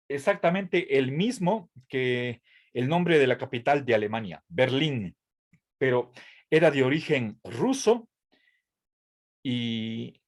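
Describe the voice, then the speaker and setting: A man's voice: medium pitch, darkish tone. A man giving a tutoring lecture, explaining carefully with fillers, restarts and a frequent "¿sí?" to check his students follow. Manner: hesitant, with many fillers and restarts, asks "¿sí?" often. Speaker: university lecturer.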